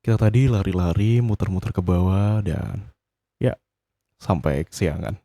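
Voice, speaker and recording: A man in whispered role-play as a doting, wealthy husband who talks softly and teasingly to his partner. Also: low-pitched, normal speed, dry recording, studio quality. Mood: playful. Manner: soft, intimate, teasing boyfriend talk. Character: doting rich husband, possessive and gently scolding. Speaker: ASMR role-play voice actor.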